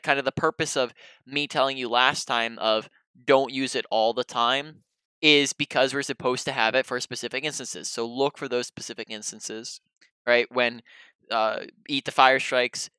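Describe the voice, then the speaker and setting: Man, game coach, casual one-on-one coaching, patient explaining, crisp voice, dry close sound. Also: mid-range voice, sharp tone, no echo. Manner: explains patiently, often checks in with "right?".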